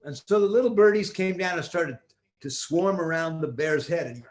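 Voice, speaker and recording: An older man improvising a story for children in a folksy, expressive way, drawing words out for effect. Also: on the high side, normal speed.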